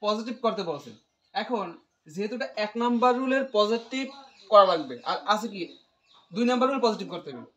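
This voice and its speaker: A man's voice: high-pitched, very animated, fairly quick, a bit bright. A man tutoring English grammar, asking questions and repeating the student's answers, explaining step by step. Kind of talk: English grammar lesson with call-and-response.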